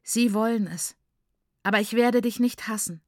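A woman's voice: on the high side, moderate pace, darkish tone, dry recording, studio quality, voice pushed up, natural voice. A woman voicing a desperate, starving teenage girl who swings between bitter whispers and fury, in an audiobook. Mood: soft. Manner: whispers, hisses, then screams in fury.

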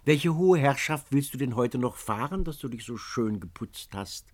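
A man voicing a cheerful young boatman who calls out brightly and briskly. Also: mid-range voice, lively intonation, pitched above the performer's own voice, close to an everyday voice. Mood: merry.

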